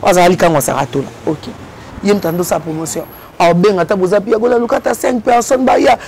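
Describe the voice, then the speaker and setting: Animated high-voiced man telling a story. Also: quick pace, slight background noise. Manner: lively, switches between Lingala and French.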